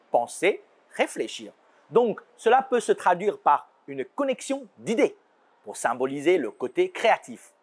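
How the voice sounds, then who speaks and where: A man's voice: high voice, slightly rough. A man from China, presenting a scripted educational segment and explaining with playful asides. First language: Chinese. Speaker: show host.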